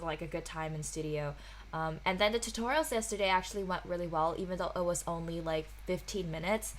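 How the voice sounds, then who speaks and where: Young woman, from Hong Kong, podcast host, casual chatty talk, slightly low pitch. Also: fairly bright tone. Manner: chatty, fillers with "like", restarts.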